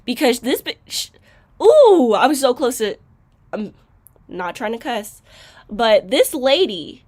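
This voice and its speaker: A woman hosting a casual reaction video, talking reflectively with many fillers and growing loud and emphatic when frustrated. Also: a little high, lively intonation, takes it slowly.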